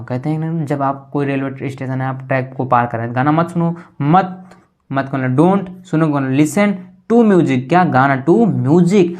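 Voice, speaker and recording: A man teaching English, asking questions, answering them himself and spelling words out letter by letter. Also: medium pitch. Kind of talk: spoken English lesson in Hindi.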